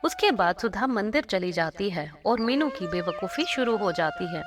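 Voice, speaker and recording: A woman's voice: medium pitch, lively intonation, moderate pace. Woman narrating a cartoon story. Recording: narration over loud music.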